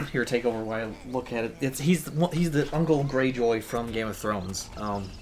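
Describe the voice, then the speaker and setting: A man's voice: medium pitch, moderate pace, crowd noise. A young man with a sore, scratchy throat, rambling and swearing casually as a host while he plays a game. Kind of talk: casual chat while gaming.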